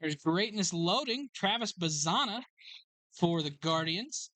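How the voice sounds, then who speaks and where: Card break host calling pulls at a card shop, bright forward voice, dry close sound, quick matter-of-fact roll call of names and numbers. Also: mid-range voice, lively intonation, no room sound. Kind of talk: live card break commentary.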